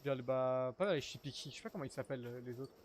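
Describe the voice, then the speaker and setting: A man's voice: mid-range voice, fast talker. A young man streaming a survival game, chatting casually with his viewers and swearing now and then as he plays. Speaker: gaming streamer. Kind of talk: casual live gameplay commentary.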